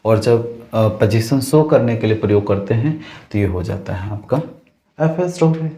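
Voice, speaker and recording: A man's voice: fairly low pitch, animated, normal speed, warm tone, echoey room. A man teaching a casual grammar class, repeating phrases and checking that the viewers understand.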